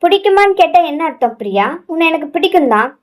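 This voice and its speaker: A woman reading a short-tempered young husband, snappy and high-voiced, audio romance lead. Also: sing-song, fast talker. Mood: impatient, scolding. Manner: scolding, impatient. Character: young husband, hot-tempered but devoted.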